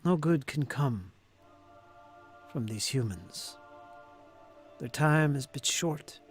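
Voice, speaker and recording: A man voicing a wary, mystical elf druid in a tabletop game, solemn and dramatic, dropping into breathy whispers. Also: medium pitch, lively intonation, takes it slowly, faint music behind. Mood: solemn warning.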